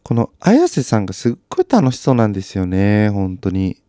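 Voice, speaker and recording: A man's voice: fairly low pitch, wildly swooping pitch, a little fast, warm tone, no echo, clean studio sound. A man chatting casually on his own while watching TV, with chatty asides and self-deprecating remarks. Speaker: solo podcaster.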